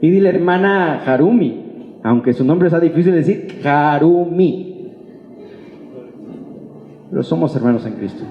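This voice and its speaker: This man's fairly high, animated voice moves a little slowly and pauses often. Preaching informally to a church congregation, the Mexican-accented pastor is colloquial and playful, voicing imagined remarks and asking rhetorical questions. The recording, made in a reverberant church hall, sounds dull and echoey with long reverb.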